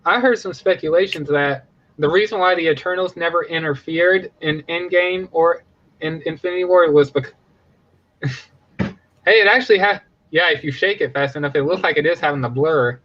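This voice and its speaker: A man co-hosting a casual podcast, excitable and jokey, laughing easily. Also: on the high side, moderate pace. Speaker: podcast co-host. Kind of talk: casual chat. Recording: dull lo-fi sound.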